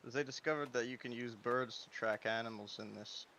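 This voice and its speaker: A man's voice: medium pitch, fairly even intonation, normal speed, sharp tone, a little hiss or hum, rough recording. A young man playing a game with friends, making dry, wry remarks. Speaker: co-player friend. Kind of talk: casual gaming chat.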